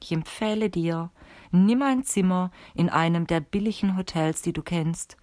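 A woman reading the lines of a calm, stern old male sorcerer teacher in a measured, instructive way for an audiobook. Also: fairly low pitch, no echo, clean studio sound, natural voice.

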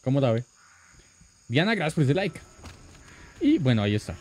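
A man's voice: medium pitch, very animated, normal speed, darkish tone, a little hiss or hum. A man, streaming live and chatting casually, greeting and thanking viewers by name.

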